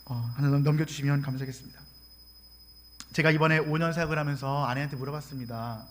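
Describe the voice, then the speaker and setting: A middle-aged man, a missionary, giving a mission report sermon in a church, telling stories and acting out the dialogue, rising loud and excited at the good news. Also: on the high side, fast talker, slight background noise. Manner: storytelling, acting out quoted dialogue. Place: church sanctuary.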